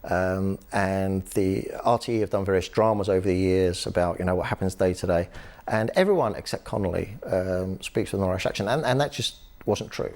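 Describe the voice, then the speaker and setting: Guy with a lowish voice going through history stories, lots of uh and um, chatty. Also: fairly quick. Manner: lively storytelling with frequent fillers and restarts. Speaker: author and human rights activist, guest. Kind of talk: conversational history interview.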